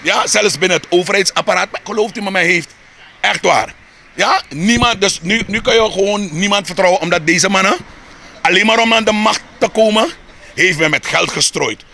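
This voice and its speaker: A Surinamese man with a Surinamese Dutch accent speaks in a high, gravelly register. His tone is bright and forceful as he argues heatedly in a street interview, piling up rhetorical questions and repeating words while he builds each point. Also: normal speed, slight background noise.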